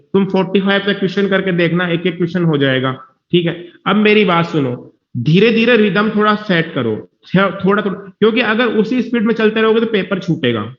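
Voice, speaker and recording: A biology teacher with a high voice gives a classroom lecture in a reassuring way, repeating himself and checking whether his students are following. The recording is dull and echoey, made in a classroom.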